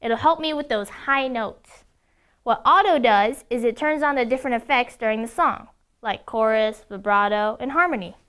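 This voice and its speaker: A young woman with a slightly high voice walks through a toy product demo. She explains each feature step by step in an upbeat, scripted way. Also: moderate pace, fairly bright tone, clean tone. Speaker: product demonstrator.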